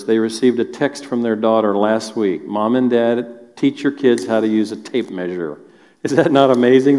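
A man's voice: medium pitch, dark tone. A man hosting a church stage interview, friendly and joking as he questions his guests. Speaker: host and church elder. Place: church auditorium. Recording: reverberant hall.

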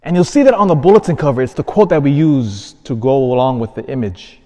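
Male priest mid-sermon, middle-pitched, earnest, swings between emphatic and hushed; big church reverb. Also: animated, fairly quick. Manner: earnest, builds to emphatic peaks then drops soft. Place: large church.

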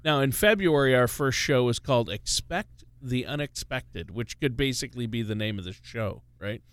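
A man co-hosting a radio talk show in casual back-and-forth, tossing in quick jokes. His voice is mid-pitched and recorded dry and close. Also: lively intonation, fairly bright tone, smooth, no echo. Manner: quick, joking asides.

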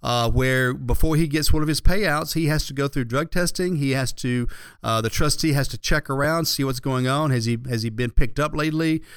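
Guy radio host explaining stuff in a folksy chatty way, mid pitch, dry studio sound. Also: normal speed, smooth, no room sound. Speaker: radio show host, financial planner. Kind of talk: conversational advice talk.

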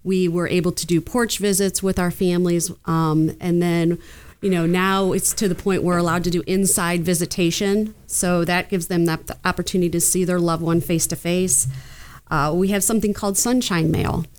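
Woman guest with clear, lowish voice. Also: steady tone, normal speed, a little mellow. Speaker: interview guest, healthcare provider. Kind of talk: conversational interview answers.

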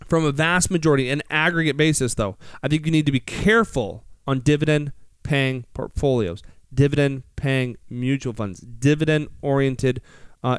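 An American male talk host with a high, clear voice. He explains things conversationally, posing rhetorical questions and repeating words for emphasis, in a very dry studio sound. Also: no echo. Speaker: financial radio show host.

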